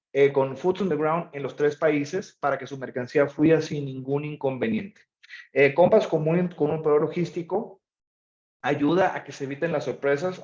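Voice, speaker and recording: Guy presenting, chatty explainer, bit high voice, echoey muffled audio. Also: a little mellow. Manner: conversational, uses rhetorical questions. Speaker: presenter, logistics expert.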